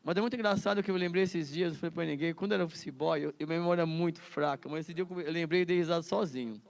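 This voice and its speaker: A man's voice: on the high side, rapid-fire, gravelly. A man teaching a Bible study lesson in a chatty way, laughing often and repeating words.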